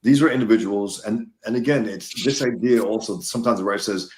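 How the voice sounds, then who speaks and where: Deep-voiced man, emphatic, echoey room. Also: a little fast. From United States. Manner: emphatic, repeats words when worked up. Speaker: guest. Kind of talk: casual conversation.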